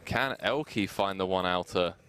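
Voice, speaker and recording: A man co-commentating live poker in an excited, chatty style. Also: low-pitched, measured pace, slight background noise. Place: commentary booth at a casino poker event.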